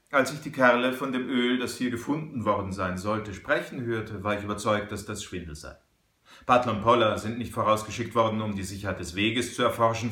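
A man voicing a calm, shrewd frontier hunter who explains things in a measured, firm way. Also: on the low side, reverberant.

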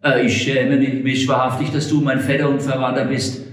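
A man's voice: mid-range voice, level tone, moderate pace, lightly acted. A man voicing a pompous, touchy middle-aged frontiersman who speaks with a Saxon German accent and talks in indignant, long-winded bursts. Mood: scolding. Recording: roomy echo.

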